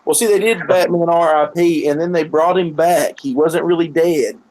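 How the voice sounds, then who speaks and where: A man in a casual stream chat, agreeable and quick to chime in. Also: a little high, darkish tone, slight background noise, rough recording.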